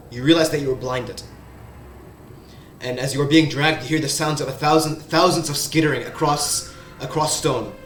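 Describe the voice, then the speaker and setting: A man narrating as game master in the second person, slow and halting with restarts. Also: mid-range voice, a little hiss or hum. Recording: roomy sound, faint background music.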